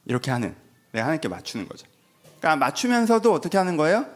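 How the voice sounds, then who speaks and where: A man preaches a Sunday sermon in a conversational, animated way. His voice sits a little high and rises and falls a great deal. He keeps asking the congregation questions and slips into acted-out dialogue. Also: racing, faint music behind. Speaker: pastor.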